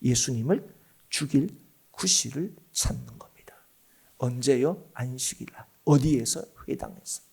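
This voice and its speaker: A middle-aged man preaching a sermon in a church, asking the congregation rhetorical questions and moving between loud emphatic phrases and hushed asides. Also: medium pitch, measured pace, gravelly, husky. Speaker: pastor. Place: church sanctuary.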